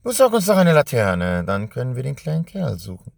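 A man's voice: mid-range voice, wildly swooping pitch, a little fast, gravelly, darkish tone, no echo, clean studio sound, pitched above the performer's own voice, heavily acted. A man voicing a suspicious male stable owner who asks probing, clipped questions. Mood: scheming.

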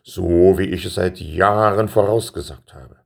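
A man voicing a booming old king. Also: a little slow, gravelly, full character voice. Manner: loud, commanding. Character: booming stern old king, secretive father.

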